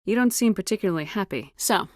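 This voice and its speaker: An actress playing a tough, no-nonsense military space commander in a video game, with a clipped, assertive, businesslike delivery. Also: female voice, medium pitch, lively intonation, quick pace, dry recording, clean studio sound, natural voice. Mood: firm, persuasive. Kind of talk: video game dialogue acting.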